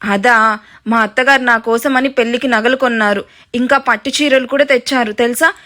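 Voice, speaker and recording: Cheerful naive young daughter, gushing and chatty, played by the narrator. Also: female voice, fairly high pitch, steady tone, moderate pace, sharp tone.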